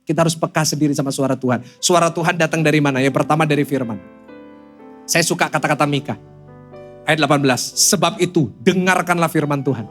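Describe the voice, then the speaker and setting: High-voiced pastor preaching with animated storytelling. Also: male voice, fast talker, faint music behind. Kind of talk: sermon. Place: church stage.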